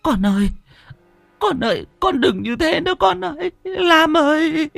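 A man's voice: very high-pitched, unhurried, gravelly, a bit bright, no echo, soft background music, pitched above the performer's own voice, full character voice. A man doing a wailing, frail old mother. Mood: tearful pleading. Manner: wailing, tearful begging.

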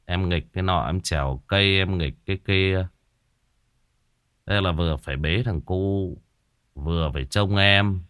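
A man's voice: low voice, measured pace, long pauses, smooth, no room sound, clean studio sound. A man hosting a ghost-story show, chatting with listeners and reminiscing in a loose, repetitive way. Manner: chatty, animated when reminiscing, many repetitions. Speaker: ghost story podcast host. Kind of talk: casual reflective storytelling to listeners.

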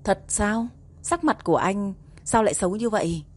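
A woman's voice: mid-range voice, animated, normal speed, lightly acted. A woman reading a teasing young wife. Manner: playful, teasing.

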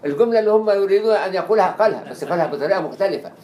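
A man with an Egyptian Arabic accent giving a lecture on Arabic writing. He is animated, acts out quoted dialogue and repeats words to drill pronunciation. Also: sits high, rapid-fire. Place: lecture hall. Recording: echoey lecture room with faint hiss.

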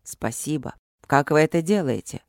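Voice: mid-range voice, expressive, normal speed, vocal fry, a little mellow, dry recording, clean studio sound. A reader voicing a tense young duke who speaks wryly, in an audiobook. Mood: strained. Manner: tense, wry, muttering. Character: strained young male duke.

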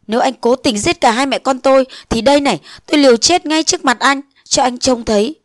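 A woman's voice: moderate pace, no room sound, clean studio sound, natural voice. A woman playing a tearful, indignant girl of eighteen. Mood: desperate. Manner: pleading, rising to shrill reproach.

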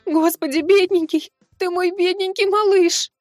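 A man reading an audiobook, voicing a frightened, tender young mother in a trembling cooing falsetto. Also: fairly even intonation, a little slow, dry recording, studio quality, faint music behind.

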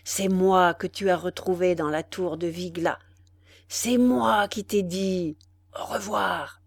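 A woman's voice: on the low side, steady tone, takes it slowly, creaky, no echo, full character voice. A woman voicing a small, menacing wild man who speaks in a grim, mocking, threatening way. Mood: accusing.

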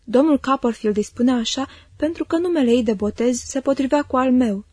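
A woman's voice: sits high, slightly rough, dry recording, clean studio sound. A woman playing a timid, frail young mother. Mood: timid, plaintive. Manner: soft, plaintive, fearful. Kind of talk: audiobook reading.

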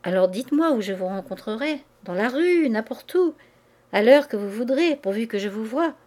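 A woman's voice: fairly high pitch, expressive, normal speed, mellow. A woman reading aloud, voicing an ardent young man who urgently presses a married woman to see him. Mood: pleading. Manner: urgent, insistent pleading.

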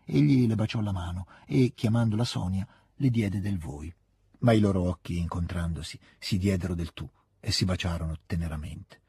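A man narrating a classic novel in an audiobook, with a steady, expressive reading into a close studio mic. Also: low voice, normal speed, husky, no room sound. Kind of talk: scripted literary narration.

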